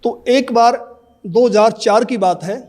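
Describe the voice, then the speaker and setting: In an interview, a man in his fifties earnestly tells his personal story, acting out conversations from memory. His voice is very high-pitched and a little mellow, and he speaks a little slowly.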